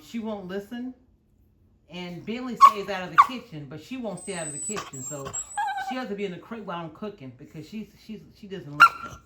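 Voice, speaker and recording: A woman's voice: lowish voice, background noise. A middle-aged woman hosting a home cooking video, firmly telling her dogs to stop barking and then explaining each step plainly. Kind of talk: casual cooking demonstration. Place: home kitchen with dogs nearby.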